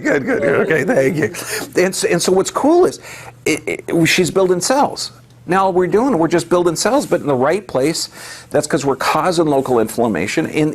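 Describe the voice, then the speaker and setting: A man giving an emphatic health lecture to a live audience, firing off rhetorical questions and answering them himself. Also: a little high.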